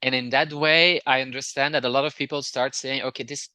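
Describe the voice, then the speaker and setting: A man's voice: mid-range voice, fairly even intonation, brisk, bright, forceful tone, smooth, no room sound. A man from Belgium with a Flemish accent and Dutch as his native language, explaining things in casual conversation, often hesitating and repeating words. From Belgium, near the Dutch border. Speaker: interview guest.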